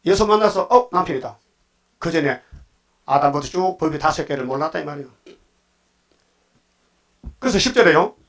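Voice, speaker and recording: A man preaching a Sunday morning sermon, who often stops to ask his congregation "예?" and slows into a sing-song chant when he reads scripture. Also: on the high side. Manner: lively, asks the congregation "예?" and "응?" often.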